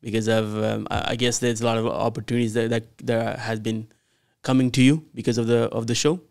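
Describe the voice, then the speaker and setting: A man from Quebec hosting a podcast, asking questions in a halting way with many restarts. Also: medium pitch, flat delivery, creaky. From Quebec, Canada. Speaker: podcast host, interviewer. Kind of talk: casual interview questions.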